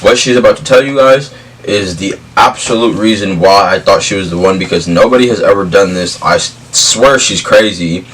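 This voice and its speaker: Low-voiced young man, slangy and casual. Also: moderate pace, a bit bright, husky. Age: young adult. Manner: slangy, emphatic, checks in with "you feel me" and "bro". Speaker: vlog co-host. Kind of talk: casual storytelling chat. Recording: distant mic, faint background noise.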